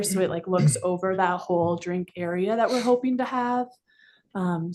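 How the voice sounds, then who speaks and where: A woman's voice: mid-range voice, darkish tone. Woman explaining her restaurant's plans to a council. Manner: informal, many fillers, explanatory. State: slightly out of breath. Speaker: restaurant representative. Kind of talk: public comment at council meeting. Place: council chamber. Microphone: desk microphone.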